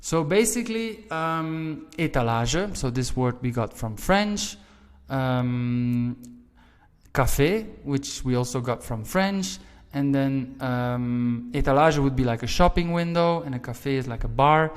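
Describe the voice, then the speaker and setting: Guy teaching grammar, patient, keeps saying right?, avg pitch, voice rings out in a reverby space. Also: expressive, unhurried, clean tone. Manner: patient, repeats examples, often checks with "right?". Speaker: language teacher. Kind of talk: explaining grammar rules.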